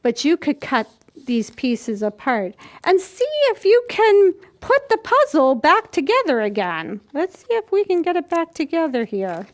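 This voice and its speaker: Indoors in a small, plain room, a woman in her sixties hosts a children's library storytime, teaching young children step by step as she demonstrates. Her high voice swings widely in pitch and runs a little slow, picked up by a camera a few feet away.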